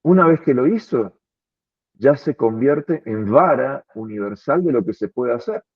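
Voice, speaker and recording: A man's voice: medium pitch, animated, unhurried, no room sound. A man in an earnest, reflective philosophical conversation, often repeating words as he thinks. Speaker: philosophy commentator. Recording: tinny phone-like line.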